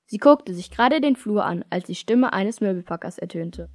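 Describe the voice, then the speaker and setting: A woman's voice: mid-range voice, normal speed. Woman reading her own children's story. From Germany. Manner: lively storytelling, switches into character voices.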